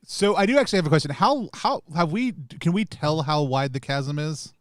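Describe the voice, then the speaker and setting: Slightly high-voiced man playing a tabletop game. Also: sing-song, a little fast, dry recording, studio quality. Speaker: player. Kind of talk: casual tabletop play.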